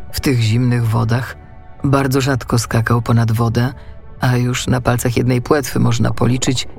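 A man narrating a children's storybook in an expressive reading style. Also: mid-range voice, gravelly.

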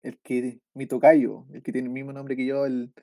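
A man with a Chilean accent who co-hosts a casual film podcast, rambling in a relaxed way and often ending with slang tags. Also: medium pitch, moderate pace. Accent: Chilean Spanish. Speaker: podcast co-host.

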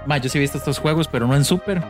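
A man with a Costa Rican accent chatting excitedly while playing retro games, slangy and tossing in English words. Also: on the high side, racing. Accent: Costa Rican Spanish. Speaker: co-host. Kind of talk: casual gameplay chat. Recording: music playing behind. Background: game music.

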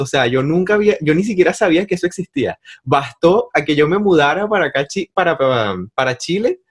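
A man from Maracay with a Venezuelan accent, interviewing a guest in a relaxed, chatty and enthusiastic way. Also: a little high. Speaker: interviewer, video creator. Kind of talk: casual interview chat.

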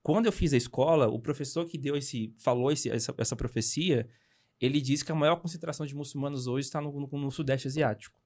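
A young Brazilian man, a missionary guest, telling his story in a casual interview with animated, hurried speech and frequent tag questions. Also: mid-range voice. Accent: Brazilian Portuguese.

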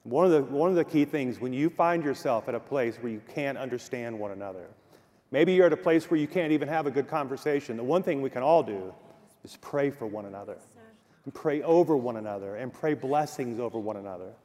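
A man's voice: medium pitch, animated, a little fast, warm tone. Earnest male pastor in a reverberant church. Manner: affirming, earnest. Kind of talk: church panel host and prayer. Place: church sanctuary. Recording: long reverb of a church hall with audience.

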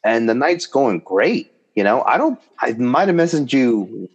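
A man hosts a relaxed podcast chat and tells a dating story with lots of jokes. His pitch leaps up and down as he gets carried away. The recording sounds a little dull and lo-fi. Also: a little slow, husky. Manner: animated and joking, with big pitch jumps.

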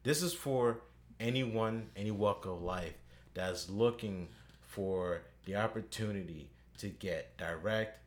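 Earnest deep-voiced man in his thirties. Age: 30s. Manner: earnest, measured, with filler "uh"s. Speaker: podcast host. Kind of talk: podcast introduction.

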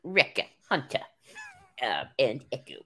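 A man co-hosting a live podcast in casual chat, musing in a relaxed way with many ums and you-knows. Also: medium pitch, a little slow, slight background noise. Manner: easygoing, filler-heavy musing with laughs. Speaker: podcast co-host.

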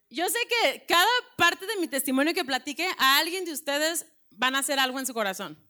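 At a church breakfast event, a woman pastor in her thirties with a Mexican Spanish accent shares her testimony in an earnest, conversational sermon with frequent restarts. Her high voice is animated, pushed, and bright, moving a little fast with few pauses.

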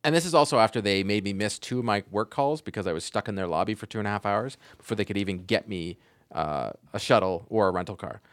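A man co-hosting a gaming podcast, telling an exasperated story in a casual, animated way. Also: on the low side, quick pace, dry recording, studio quality. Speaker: podcast co-host. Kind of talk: casual chat.

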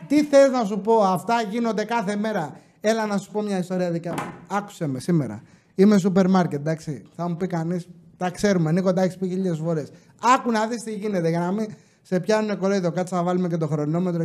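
A man's voice: high-pitched, a little mellow. A man hosting a casual podcast, joking around and reading listeners' stories aloud. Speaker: podcast host.

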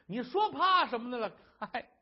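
A man's voice: very high-pitched, sing-song, normal speed, lo-fi sound, voice pushed up, heavily acted. A man voicing a worried husband who coaxes his wife to explain, in an earnest way. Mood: coaxing. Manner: coaxing, earnest. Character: worried doting husband, a scholar, boastful.

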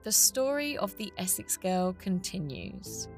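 A woman's voice: lowish voice, sing-song, measured pace, darkish tone. A woman podcast host delivering scripted narration. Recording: spoken over music.

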